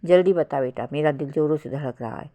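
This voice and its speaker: A woman's voice: deep voice, a little fast, dark tone, natural voice. A woman reading a story aloud, voicing a worried, loving middle-aged mother who coaxes her daughter. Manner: anxious, coaxing.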